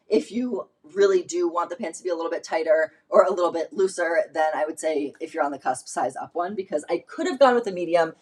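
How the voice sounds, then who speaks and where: A woman hosting a live clothing try-on speaks in a chatty, emphatic, informal manner with a slightly low voice. A lingering cold is wearing her voice down a little, but she stays casual and conversational.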